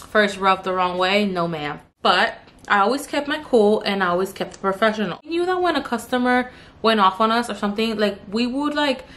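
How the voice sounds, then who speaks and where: A woman's voice: medium pitch, a bit bright. A young woman chatting through a storytime while doing her makeup, full of "like" and laughing as she talks. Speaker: beauty vlogger.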